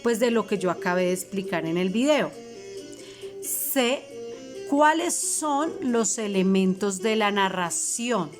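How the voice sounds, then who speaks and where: A woman's voice: medium pitch, expressive, slow, music in the background. A woman teacher, giving a recorded lesson to fifth graders and patiently spelling out each instruction. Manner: patient, reminding, spells things out for children.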